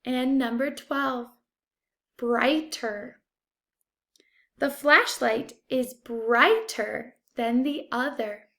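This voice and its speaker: A woman speaking as a first-grade teacher, giving a spelling test dictation with deliberate, enunciated delivery. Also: sits high, steady tone, vocal fry, pushed and bright. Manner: deliberate, enunciated, repeats single words. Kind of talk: spelling test dictation, word then example sentence.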